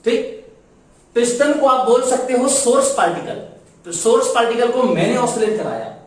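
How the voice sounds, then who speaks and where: A man teaching a physics lecture, often asking the class check questions and repeating key terms for the students to echo back. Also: very high-pitched. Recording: very echoey room, voice far from mic.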